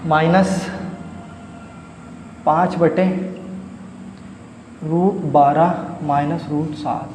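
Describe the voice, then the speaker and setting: High-voiced male math teacher, echoey room. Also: steady tone, extremely slow, pauses often, darkish tone. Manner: chatty, coaxing, asks the class questions. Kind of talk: blackboard math lesson. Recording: echoey room with faint noise.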